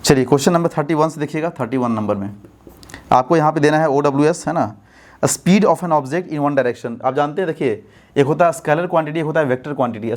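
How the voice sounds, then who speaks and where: Indian guy going through english test answers, keeps asking the class if its clear. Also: a little high, a little mellow. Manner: explains step by step, asks students rhetorical checks. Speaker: English teacher. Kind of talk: exam-prep lesson explaining answers.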